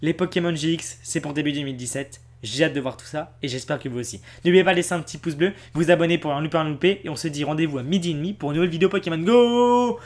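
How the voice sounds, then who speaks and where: A man chatting to his viewers as a video host, animated and repeating himself as he rambles. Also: fairly high pitch, quick pace, few pauses. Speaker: YouTube card collector host. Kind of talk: casual chat to viewers.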